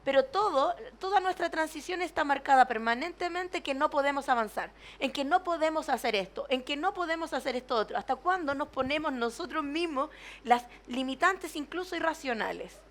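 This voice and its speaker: Woman, party leader on a debate panel; high voice, earnest, restarts mid-thought. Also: lively intonation, brisk, fairly bright tone. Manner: earnest, restarts often while building points. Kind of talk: public debate argument.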